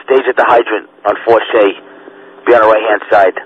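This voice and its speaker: A man's voice: lowish voice, flat delivery, normal speed. A man speaking over a walkie-talkie as a fire command officer, giving terse, clipped radio calls with brief hesitations. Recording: noisy phone-like two-way radio.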